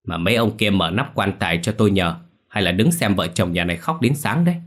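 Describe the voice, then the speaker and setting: A man's voice: on the low side, expressive, normal speed. A man voicing a crude, cocky village exorcist who barks orders and curses. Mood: irritated. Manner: brusque, cursing, barking orders.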